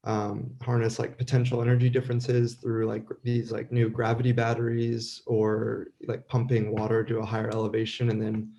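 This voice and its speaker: A man's voice: lowish voice, monotone, moderate pace, gravelly, few pauses, mellow. A young man asking a question on a video call, hesitant and full of fillers. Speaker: audience member asking a question.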